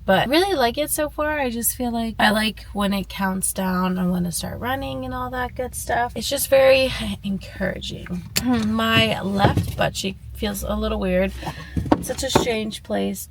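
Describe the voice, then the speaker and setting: A woman's voice: mid-range voice, gravelly, slight background noise, poor audio. A young woman talking casually to her viewers as a running vlogger. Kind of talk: casual vlog talk.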